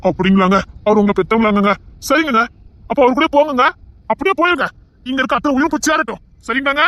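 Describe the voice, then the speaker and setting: A man voicing a young husband who pleads and threatens in rapid, insistent bursts in an audio drama. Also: extremely high pitch, a bit bright, dull audio. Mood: demanding. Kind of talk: Tamil audio drama acting.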